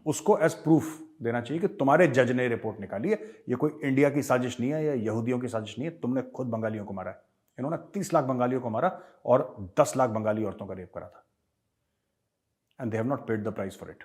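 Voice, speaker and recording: A man's voice: mid-range voice, fairly quick, a little mellow. An emphatic man with an Indian accent, hosting a casual Q&A with viewers and switching between Hindi and English. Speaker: host answering viewer questions. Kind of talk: casual commentary Q&A.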